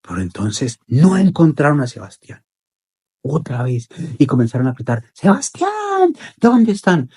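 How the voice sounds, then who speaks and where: A man telling a children's story in an expressive, repetitive way with dramatic pauses. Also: medium pitch, breathy edge.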